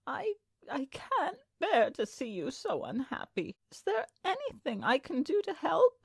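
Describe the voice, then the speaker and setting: A woman's voice: high voice, wildly swooping pitch, a little slow, creaky, no echo, clean studio sound, heavily acted. A woman playing an anxious, doting elderly aunt in a comic book dub, tender and fretful. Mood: worried, tender.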